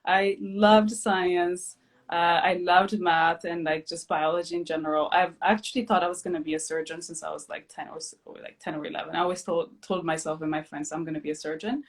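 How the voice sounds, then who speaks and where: A woman from Ethiopia in her thirties, hosting a casual live chat, relaxed and chatty with many fillers. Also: fairly low pitch, a little fast. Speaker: host, physician.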